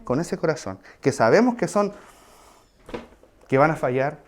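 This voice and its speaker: A man's voice: a little high, expressive, a little slow. A man preaching a sermon in a conversational way, with asides and questions to the congregation.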